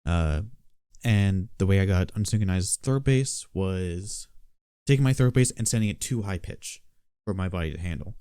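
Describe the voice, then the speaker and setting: A man giving a casual spoken beatbox tutorial, explaining in a relaxed, matter-of-fact way. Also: sits low, normal speed, smooth, no room sound, clean studio sound.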